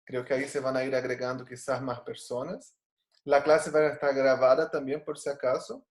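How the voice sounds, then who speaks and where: With a medium-pitched voice that barely moves in pitch, a Brazilian native Portuguese speaker talks at a moderate pace in an echoey room. He is teaching a Bible study over a video call, earnestly, with many fillers and restarts.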